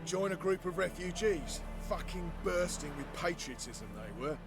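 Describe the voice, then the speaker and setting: An actor playing a scruffy, coarse deserter soldier in a video game, with an English accent. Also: male voice, high-pitched, expressive, unhurried, music in the background. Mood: bitter.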